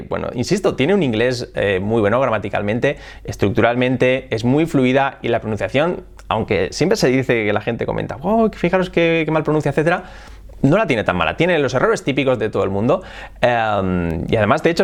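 A Spanish-speaking man teaching an English pronunciation lesson, moving between Spanish and English example phrases. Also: mid-range voice. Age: adult.

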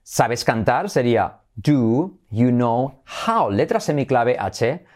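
A man with a Spain Spanish accent teaching an English lesson in a playful, bilingual way, slowing down to model phrases. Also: mid-range voice, big pitch swings, darkish tone.

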